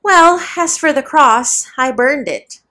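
A woman's voice: medium pitch, lively intonation, unhurried, fairly bright tone. Storybook figure: sly, offhand male gravedigger, half-joking in manner, read by a woman.

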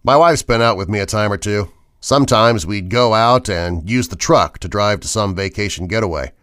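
A man's voice: on the low side, moderate pace, a bit bright, clear, resonant tone, no room sound, studio quality, close to an everyday voice. A man voicing a nervous male truck driver who talks in a tense, uneasy, slightly raised voice.

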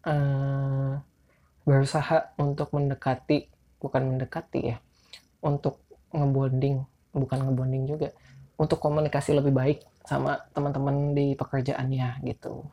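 Male podcast host, Jakarta accent, dark mellow tone, can't roll his r's, loose and informal. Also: medium pitch, completely flat delivery, moderate pace. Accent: Jakarta Indonesian. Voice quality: speech impediment on r, cannot roll his r's. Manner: informal, rambling, self-deprecating. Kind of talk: casual solo podcast chat.

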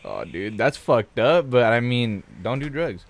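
A man's voice: medium pitch, very animated, unhurried. A young American man hosting a casual podcast, slangy and sweary, often asking questions. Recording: clear background noise, room ambience.

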